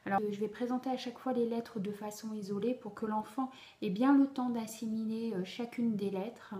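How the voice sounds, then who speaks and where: A woman's voice: fairly high pitch, steady tone, fairly quick, mellow. A woman teaching reading, patiently explaining a method to parents in an instructional video. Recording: roomy echo.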